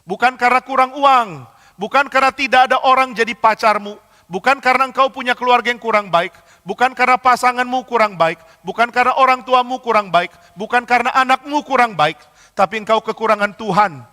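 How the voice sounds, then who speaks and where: A man's voice: very high-pitched, a little fast, sharp tone, in a large hall. A man preaching a sermon as pastor. He acts out quoted dialogue and builds to emphatic repeated lines.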